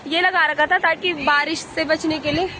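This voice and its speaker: Young woman, hoarse, high-pitched, wistful chatty vlogger on a phone, wind and traffic noise behind. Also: steady tone, normal speed, crowd noise. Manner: wistful, chatty, keeps repeating phrases. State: hoarse from shouting. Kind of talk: casual vlog chat. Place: rooftop in a windy hill village, outdoors.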